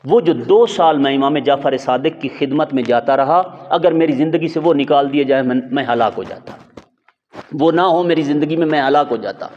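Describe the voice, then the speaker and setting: A man's voice: on the high side, slight background noise. A male religious scholar giving a sermon, telling stories with emphatic rhetorical questions. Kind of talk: sermon storytelling. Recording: dull lo-fi audio in a long-reverb hall.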